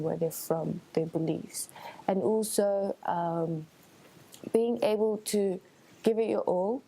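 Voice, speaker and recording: A young Swiss woman with a warm, lowish voice answers interview questions as a student election candidate. She speaks informally and earnestly, thinking aloud in a conversational way.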